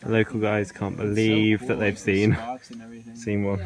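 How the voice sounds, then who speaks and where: A young male travel vlogger with a lowish, flat, unhurried voice narrates a rainforest trip with jokey, wry commentary. He's outdoors in the tropical rainforest, with music and a loud crowd behind him.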